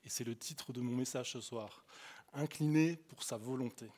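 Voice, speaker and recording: A young man with an Alsatian accent, preaching a sermon as a youth preacher. He tells stories animatedly, swinging between loud bursts and hushed asides. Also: medium pitch, normal speed. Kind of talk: storytelling sermon.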